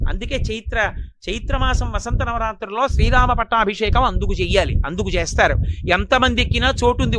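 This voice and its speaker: A man giving a devotional discourse, asking rhetorical questions and answering them himself, and chanting verses slowly. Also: very high-pitched, pushed and bright, poor audio. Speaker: religious discourse speaker.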